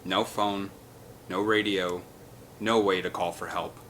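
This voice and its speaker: Over an orchestral film soundtrack, a man reads an adventure audiobook with theatrical drama and suspense. His low voice stays fairly level in pitch, moves slowly, and sounds a bit bright, with slight background noise in the recording.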